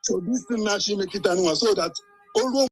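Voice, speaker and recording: Guesting on a live stream, a Nigerian man talks insistently with the host in casual mixed Igbo and English, repeatedly checking the listener with "eh?". He has a high voice and speaks fairly fast, with faint music in the background.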